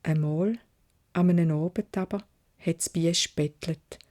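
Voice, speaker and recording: A woman's voice: fairly low pitch, measured pace. Swiss German woman telling a fairy tale. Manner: expressive storytelling, voicing the characters. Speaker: storyteller. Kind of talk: fairy-tale narration for children.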